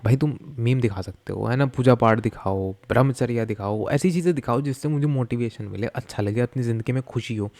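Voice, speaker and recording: A man's voice: medium pitch, a little fast, hardly any pauses, darkish tone, no echo. A young Indian man with an Indian accent giving joking, chatty reaction commentary, mixing Hindi and English. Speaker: reaction video host.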